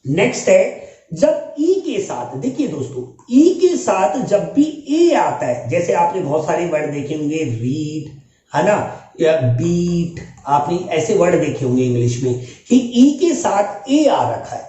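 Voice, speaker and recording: A man with a Hindi accent teaching English sounds in an animated style, calling out example words loudly. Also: fairly high pitch, unhurried, heavy reverb, recorded from a distance. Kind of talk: spoken lesson.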